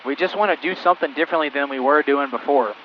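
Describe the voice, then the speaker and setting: A male flight instructor on a cockpit headset intercom, calmly talking a student pilot through each step in flight. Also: fairly high pitch, fast talker, highs cut off, slight background noise. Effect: heard over a cockpit headset intercom. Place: small plane cockpit in flight.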